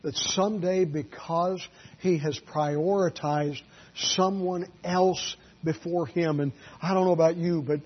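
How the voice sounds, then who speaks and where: A man preaching a sermon as a pastor, telling folksy stories and swinging from quiet asides to loud, emphatic peaks. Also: fairly high pitch, fairly even intonation, unhurried, breathy edge, muffled recording. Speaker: Baptist pastor.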